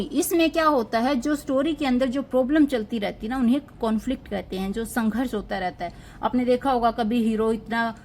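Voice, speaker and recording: A woman teaching an exam-prep lesson on literary terms. She asks a question and answers it herself, and she slows down to spell out English terms. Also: fairly high pitch, slight background noise.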